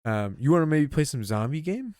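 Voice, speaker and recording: A man's voice: on the high side, sing-song, a little fast, darkish tone, no room sound, studio quality. A young man co-hosting a podcast in casual chat, laid-back and swearing freely. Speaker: podcast co-host.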